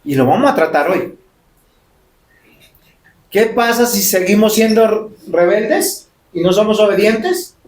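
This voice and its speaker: Emphatic pastor, high voice, roomy church. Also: male voice, lively intonation, slow pace, pauses often, darkish tone. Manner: emphatic preaching with rhetorical questions. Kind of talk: sermon. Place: church sanctuary.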